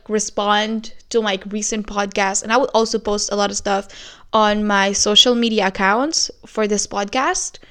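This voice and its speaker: Recording on her phone in her bedroom, a young woman from the Philippines chats through a solo podcast, mixing Tagalog and English with a Filipino accent and a touch of nervousness. Her voice is mid-range, a bit bright, clear and resonant.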